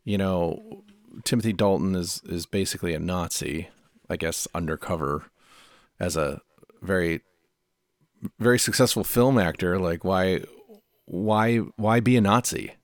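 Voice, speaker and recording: A man's voice: low-pitched, unhurried, no echo, clean studio sound. A man co-hosting a casual film review chat, rambling with fillers and restarts. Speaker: podcast co-host.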